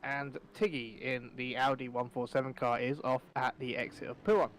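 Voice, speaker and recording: A man's voice: mid-range voice, steady tone, normal speed, a little hiss or hum. A man giving live commentary on an online endurance race, rambling and correcting himself as he talks. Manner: rambling, self-correcting, chatty. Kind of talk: live sim racing commentary.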